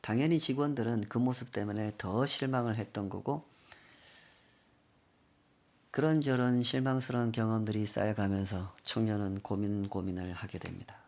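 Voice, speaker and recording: A man's voice: fairly low pitch, steady tone, moderate pace, a little mellow. Man, pastor, sermon, storytelling, rhetorical questions, acted quotes.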